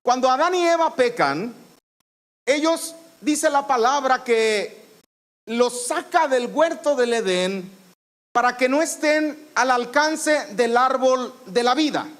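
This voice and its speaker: A man's voice: very high-pitched, lively intonation, takes it slowly, fairly bright tone. A man, a pastor preaching a sermon in church, explaining scripture and repeating phrases for emphasis. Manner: teaching, explains scripture, repeats phrases, calls out commands with authority.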